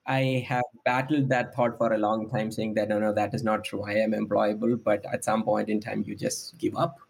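Guy in his 30s, startup founder on a podcast, kinda husky, lots of ums. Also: on the low side, flat delivery, moderate pace. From India. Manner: thoughtful, hesitant with frequent ums. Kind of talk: podcast interview.

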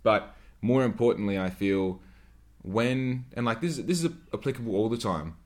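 A man in his late twenties talks alone into his podcast mic, his voice sitting a little low. He rambles through his thoughts with swearing and a steady stream of "like" between phrases. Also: normal speed. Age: 20s. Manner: rambling, profane, filler-heavy with frequent "like". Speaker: podcast host. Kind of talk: solo podcast monologue.

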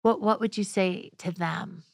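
Slow, gentle woman podcast host. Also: medium pitch, vocal fry, no echo, clean studio sound. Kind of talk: conversational interview.

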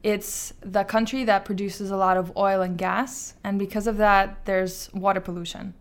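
Clear-voiced woman. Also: medium pitch, little pitch movement, normal speed. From Azerbaijan. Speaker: interview guest, startup founder. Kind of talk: conversational interview.

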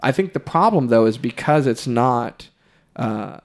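A man hosting a casual podcast conversation, speaking in a thoughtful, measured way. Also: mid-range voice, lively intonation. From Texas. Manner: thoughtful, measured, occasional laughs. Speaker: podcast host, music store employee.

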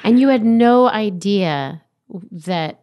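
A woman interviewing a guest, asking gentle follow-up questions and giving brief affirmations. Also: mid-range voice, lively intonation, slow, highs cut off. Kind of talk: conversational interview.

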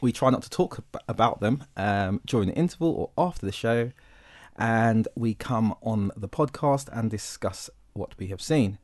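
A man's voice: lowish voice, expressive, moderate pace. A man hosting a podcast in casual chat, rambling and stumbling over his words. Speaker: podcast host.

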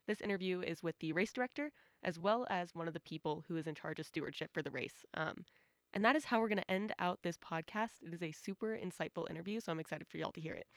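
A woman's voice: fairly low pitch, fast, no echo, studio quality. A woman hosting a podcast, chatting and interviewing in an informal, upbeat way. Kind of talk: casual chat.

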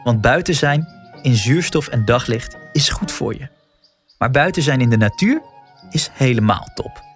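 Male, mid-pitched, expressive. Informal, encouraging instructional narrator for a wellness audio guide, faint music underneath. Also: normal speed. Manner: informal, encouraging, addresses the listener directly. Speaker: guided walk and breathing coach.

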